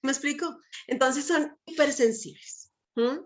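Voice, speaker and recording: Speaking a little slowly, a middle-aged woman with a somewhat high voice teaches from the Bible with strong, emphatic conviction. Tag questions aimed at her audience run all through her speech.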